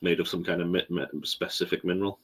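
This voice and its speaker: A man's voice: deep voice, little pitch movement, fast talker, a bit bright. A man playing a tabletop game, asking careful, probing questions in character. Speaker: player. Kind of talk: tabletop role-play.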